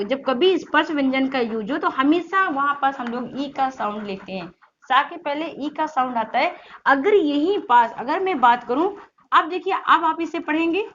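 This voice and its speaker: A woman's voice: high voice, a bit bright. A woman teaching an online exam-prep Hindi class, asking her students questions and repeating points as she explains. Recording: slightly dull lo-fi audio with faint hiss.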